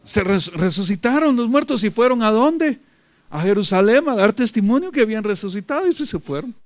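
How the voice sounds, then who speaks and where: A high-pitched man preaching with emphatic, repetitive phrasing. He keeps calling out to his listeners as brother. The sound is dry and close, with little room. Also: lively intonation, brisk, dry recording. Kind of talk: sermon.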